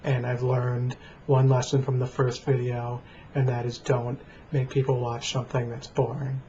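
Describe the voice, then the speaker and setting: An American vlogger rambles casually to camera in a flat, plain, mid-range voice at a moderate pace, his manner dry and deadpan. The lo-fi webcam audio sounds dull, with faint noise.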